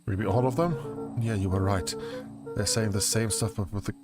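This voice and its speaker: Man streaming a game over loud music. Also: fairly low pitch, moderate pace. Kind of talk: game stream, reading dialogue aloud.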